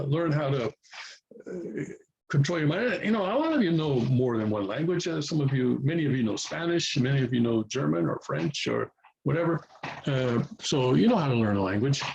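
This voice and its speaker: Explaining Korean writing to beginners, this man uses a darkish, mid-range voice with vocal fry. His improvised lesson is patient and step by step, with frequent pauses to find words and repetition for emphasis. The audio has its highs cut off and slight background noise.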